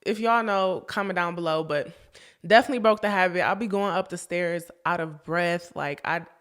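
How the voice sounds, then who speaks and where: A young woman hosts her own podcast as a casual chat, speaking directly to listeners in a lowish voice at normal speed. She laughs often and sniffles as she gets over a cold.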